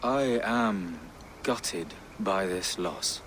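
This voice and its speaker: Slow, solemn, pious bishop. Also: male voice, deep voice, expressive, fairly bright tone, a little hiss or hum, exaggerated voice. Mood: grieving. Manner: solemn, deliberate. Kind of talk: video game voice acting.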